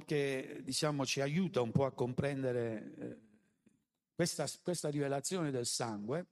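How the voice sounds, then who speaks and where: Guy preaching slow, echoey church hall, goes loud then quiet and low. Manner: rises high on emphatic lines, drops low and soft on prayers. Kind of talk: sermon.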